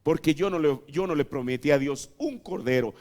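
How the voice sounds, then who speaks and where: A man's voice: moderate pace, natural voice. A man preaching a sermon voices a blind male beggar who pleads and cries out. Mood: earnest. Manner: low hushed pleading, then loud high crying out. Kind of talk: sermon storytelling.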